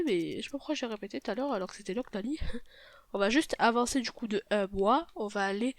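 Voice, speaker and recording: A woman with a cold and a blocked, nasal voice gives a casual, hesitant game tutorial, often correcting herself. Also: fairly high pitch. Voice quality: nasal, stuffy blocked-nose voice. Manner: hesitant, self-correcting, apologetic. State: sick with a blocked nose. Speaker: YouTube gaming video host.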